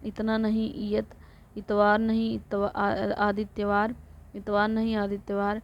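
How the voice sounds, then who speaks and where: A woman teacher reciting vocabulary lists for exam prep in a flat rote way, sometimes correcting herself. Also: medium pitch, measured pace. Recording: dull lo-fi recording with faint noise.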